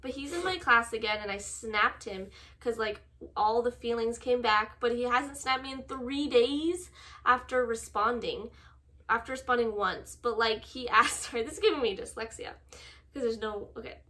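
A young woman in casual chat, reading messages aloud and giving advice in a halting, informal way. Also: a little high, pushed and bright. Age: young adult. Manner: halting, informal, filler-heavy. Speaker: co-host reading viewer confessions and giving advice. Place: small room at home, indoors.

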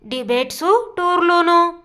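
A woman reading the part of a gentle, middle-aged mother who mildly chides her children in a storybook. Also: very high-pitched, expressive, takes it slowly, pitched above the performer's own voice, full character voice. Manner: soothing, mildly chiding.

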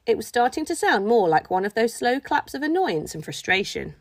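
A woman narrating a children's book in an expressive storytelling manner. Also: on the high side, a little fast, no room sound. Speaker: audiobook narrator. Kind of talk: scripted narration.

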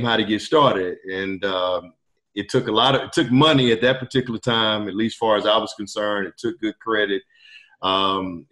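A middle-aged man, a podcast guest, telling his story in a relaxed, rambling way with many fillers over a video call. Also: lowish voice. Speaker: podcast guest, truck driver turned wholesaler. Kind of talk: casual storytelling interview. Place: indoor room, video call. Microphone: webcam on video call.

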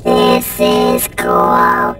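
A video host talking through a voice changer app that drops the voice very low and then turns it robotic, excitedly showing it off and sometimes whispering. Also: extremely slow, loud music behind the voice. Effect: voice changer app, pitched far down, then robot. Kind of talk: casual demo of a voice app.

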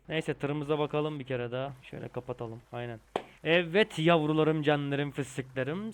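A man's voice: medium pitch, clean tone. A young man chatting casually to his viewers during gameplay. He swears often, jokes, and says he is tired and hot. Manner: chatty, swears, talks to viewers while driving. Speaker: gaming streamer.

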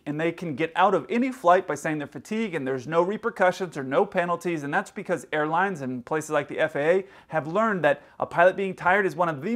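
An airline pilot in his thirties tells stories on camera from a hotel room, vlog-style and chatty, his pitch slightly raised. He's animated and acts out other people's lines in quick quoted snippets.

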